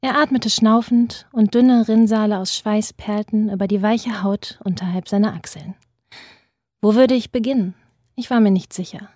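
A woman author and guest, reading aloud from her thriller novel in an even, measured voice. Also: medium pitch, no room sound, clean studio sound.

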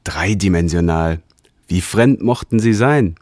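A man's voice: deep voice, a little slow, dry recording, clean studio sound. A man doing an eager young alien scout. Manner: excited, wondering.

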